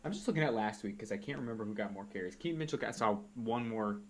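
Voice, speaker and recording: A man co-hosting a casual sports podcast, chatty and joking, quick to give his opinions. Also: on the low side, lively intonation. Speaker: podcast co-host.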